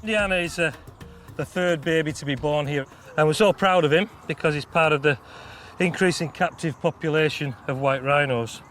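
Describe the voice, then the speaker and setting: A man's voice: a little high, normal speed, a bit bright, faint music behind. A man who keeps rhinos, explaining things informally in an outdoor interview. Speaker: rhino keeper and breeder. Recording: outdoors with faint background noise.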